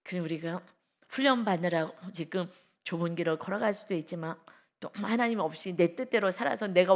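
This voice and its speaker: A woman pastor preaching an early-morning sermon, her voice at an ordinary middle pitch for a woman. She talks emphatically and turns to the congregation with direct questions and vivid sound words. When she reads scripture she slows down and raises her voice. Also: gravelly.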